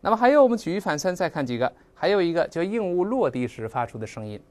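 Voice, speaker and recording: A vocabulary teacher giving a recorded lesson, spelling out and slowly repeating English words and imitating clattering and clanging sounds aloud. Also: mid-range voice. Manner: mimics sounds with lively onomatopoeia.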